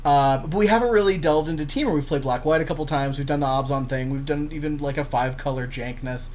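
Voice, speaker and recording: This man's voice sits a little high and has a darkish tone, and he talks at a quick pace. He's co-hosting a gaming podcast, chatting casually while drafting cards, using slang and swearing offhandedly.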